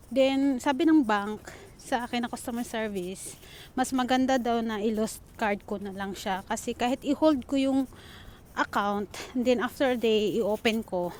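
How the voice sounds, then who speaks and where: Chatty high-voiced Filipino woman vlogging. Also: unhurried. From Philippines. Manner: chatty, addresses viewers as guys, mixes English into Filipino. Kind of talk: casual storytelling vlog. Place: outdoors in the rain, waiting for a train. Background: rain, wind and passing vehicles.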